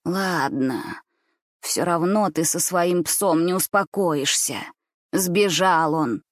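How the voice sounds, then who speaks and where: A woman voicing a scheming old grandmother who talks slowly with false, soothing care. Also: fairly low pitch, no echo, clean studio sound. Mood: grim telling. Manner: slow, soothing, falsely caring.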